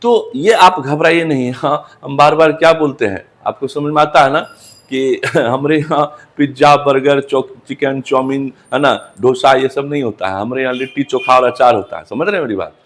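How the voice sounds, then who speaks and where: A man's voice: medium pitch, normal speed. A middle-aged man from Bihar with a Bihari accent, teaching an English lesson and answering his own questions. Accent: Bihari Hindi. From Bihar, India. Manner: repeats questions back to students and answers them himself. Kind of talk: classroom lecture.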